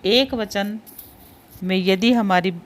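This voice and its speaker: A woman's voice: mid-range voice, takes it slowly. A woman teaching a Hindi spelling lesson. She says each word, repeats it, and patiently points out which ones are important.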